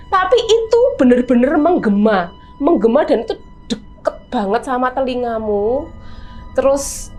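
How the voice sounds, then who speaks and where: A woman with a Javanese accent, a guest telling her own horror experience in casual chat, animated and vivid with lots of fillers. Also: high-pitched, measured pace, over music. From Semarang, Central Java, Indonesia.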